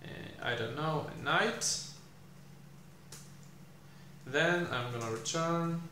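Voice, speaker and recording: A young man teaching programming while he codes, thinking aloud with many fillers and pauses, recorded in a small room. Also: a little high, pushed and bright. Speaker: programming tutor. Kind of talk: live coding explanation. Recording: echoey room, faint hiss.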